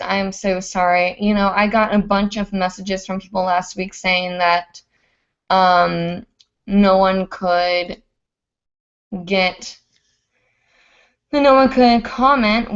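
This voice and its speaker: A woman's voice: mid-range voice, lo-fi sound. A woman hosting a live hooping show, chatting casually and a bit out of breath, rambling with lots of fillers. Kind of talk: casual live-stream chat.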